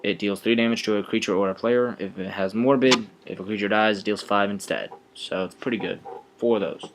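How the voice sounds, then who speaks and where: A young man with a fairly low voice walks through a card game deck in a halting, offhand way. He sounds a little bored and fills his pauses with ums. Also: fairly even intonation, noisy background. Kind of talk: casual deck explanation.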